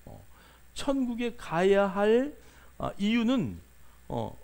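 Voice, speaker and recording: A male pastor delivers a lively sermon in a gravelly, somewhat high voice. He keeps putting questions to his listeners and urging them to answer out loud, with filler sounds running between his phrases. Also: takes it slowly. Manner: lively preaching, asks the congregation questions, many fillers.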